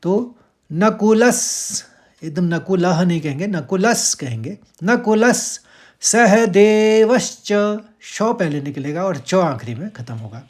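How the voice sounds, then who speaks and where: A man teaching how to pronounce a Sanskrit verse. He chants each line slowly and drawn out, then explains the sounds more quickly, speaking. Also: fairly high pitch, animated, a little mellow, husky.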